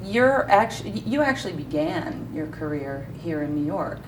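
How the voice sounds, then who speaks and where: A woman's voice: low voice, very animated, moderate pace, over a noisy crowd. A woman hosting a live public television broadcast, interviewing a guest in a polished, promotional way. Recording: distant mic with noticeable noise.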